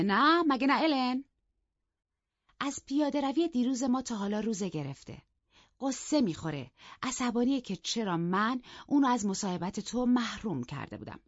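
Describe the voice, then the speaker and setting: A woman voicing a teasing, mischievous young lady of the house in an audiobook, loud and mocking. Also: on the high side, dry recording, muffled recording, pitched above the performer's own voice. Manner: lively, mocking, raising her voice. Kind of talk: audiobook character voice.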